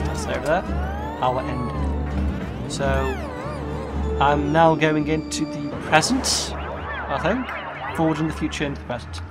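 A man giving casual gameplay commentary, muttering to himself and reading in-game text aloud. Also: mid-range voice. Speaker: gaming video host. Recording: game music behind.

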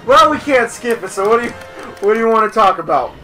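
A man's voice: very high voice, bright, forceful tone. A young man co-hosting a video game session in casual banter, teasing and laughing with dry jabs. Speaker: gameplay co-host. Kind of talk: casual let's-play banter.

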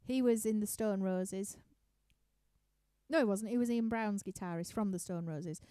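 A young woman from Yorkshire, England, with a mid-range, mellow, clear and resonant voice at normal speed, hosts a live stream Q&A as a musician from her living room. She reads out viewer questions casually, rambling, laughing and filling gaps with lots of fillers. The recording is dry and studio quality.

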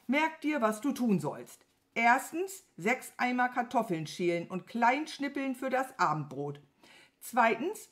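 A woman voicing a bossy, shouting wizard. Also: fairly high pitch, voice pushed up. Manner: impatient, scolding, raised and strained. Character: irritable, bossy male wizard, quick to shout. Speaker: kindergarten teacher. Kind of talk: children's story read aloud.

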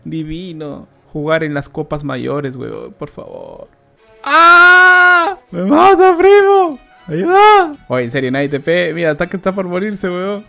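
A young man with a Peruvian Spanish accent giving loud, excitable live commentary on his game, swearing and shouting at teammates. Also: on the high side, normal speed, vocal fry, few pauses, soft background music. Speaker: gaming streamer.

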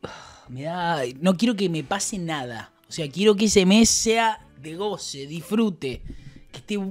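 A man's voice: high voice, animated, takes it slowly, soft background music. A man with an Argentine accent chatting casually on a stream, reading out messages and rambling with crude, joking banter. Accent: Argentine Spanish.

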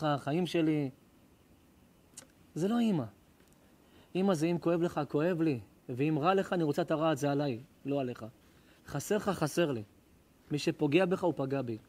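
A middle-aged man, a rabbi, giving an emotional sermon full of stories, swinging between loud cries and hushed tones. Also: a little high. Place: live lecture before an audience.

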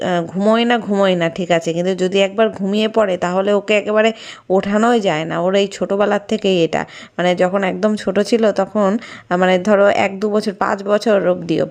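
This casual home vlog features a middle-aged woman rambling with many fillers, shot on a phone camera in her kitchen and bedroom. Her voice is mid-range with a darkish tone.

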